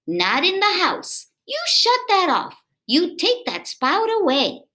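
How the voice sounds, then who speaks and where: Lady reading as a strict mom in a kids book, high pitched, telling off her kid, commanding. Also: wildly swooping pitch, slow, sharp tone, exaggerated voice. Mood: stern, scolding. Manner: commanding, exclaiming, emphatic. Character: stern scolding mother from a children's storybook.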